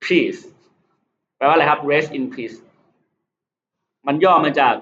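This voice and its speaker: A male teacher going over exam questions, reading English sentences slowly and explaining them. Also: a little high, a bit bright. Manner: reads English items slowly, explains in quick Thai. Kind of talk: exam prep lesson. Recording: dull lo-fi recording.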